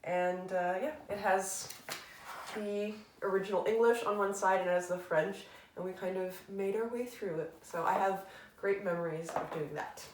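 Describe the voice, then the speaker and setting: A woman with a mid-range voice speaks at a normal, steady pace while answering a tag on her book channel, rambling casually and reflectively with fillers and poking fun at herself. The mic is distant, the room echoes, and there's background noise.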